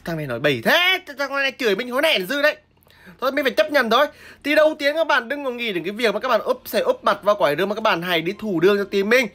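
A woman's voice: medium pitch, a bit bright. A woman giving live gameplay commentary, explaining her strategy and crying out and repeating words during fights. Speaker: gameplay streamer.

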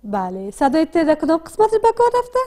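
A woman with a Dari accent teaching a literacy lesson, asking questions and answering them herself in a slow, deliberate way. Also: high-pitched, very animated, warm tone. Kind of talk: classroom lesson.

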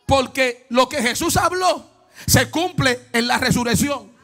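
A male pastor preaching a sermon, moving between quiet storytelling and shouted, chanting praise aimed at the congregation. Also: extremely high pitch, a little slow, faint music behind, a faint crowd. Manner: calls out to the congregation and cries out "woo".

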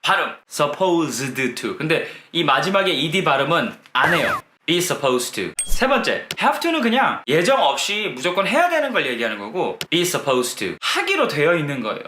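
Lively, animated man teaching English. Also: fairly high pitch, slight background noise. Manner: animated, acts out example lines, slow drilled English phrases. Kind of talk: lively video lesson. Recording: echoey room.

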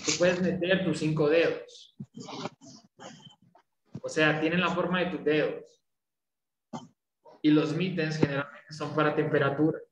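A man teaching English in an online class, explaining patiently and often checking understanding with quick questions. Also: fairly high pitch. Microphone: video call. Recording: roomy echo, faint background noise.

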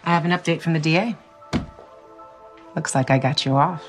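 Actress as a cool, low-voiced woman lawyer. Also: normal speed, faint music behind, lightly acted. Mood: cool, intense. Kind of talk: TV comedy-drama acting.

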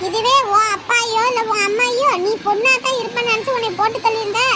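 This is an actress voicing a hard-edged woman in a Tamil family drama who scolds and threatens. Her voice sits very high, and she delivers her lines as a long lecture. Steady background noise runs under the recording. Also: quick pace. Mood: stern. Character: stern woman threatening a cruel mother-in-law. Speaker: woman scolding a cruel mother-in-law. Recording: noisy background.

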